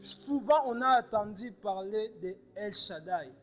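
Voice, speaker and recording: Man, preacher, high pitch, short emphatic phrases, sermon with interpretation. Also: animated, a little slow, low-quality recording.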